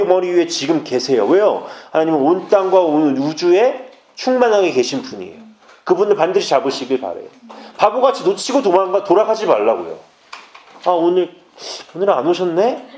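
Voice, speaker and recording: Animated young-sounding male preacher, echoey church. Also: sits high. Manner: urgent, direct exhortation with playful asides. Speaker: junior pastor. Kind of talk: youth sermon. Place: church sanctuary.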